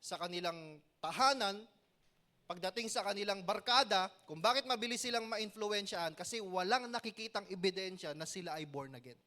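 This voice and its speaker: A man's voice: high voice, moderate pace. A young man preaching as a youth pastor, asking the crowd "Amen?" often and telling stories with joking asides. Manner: animated storytelling with joking asides. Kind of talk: youth sermon.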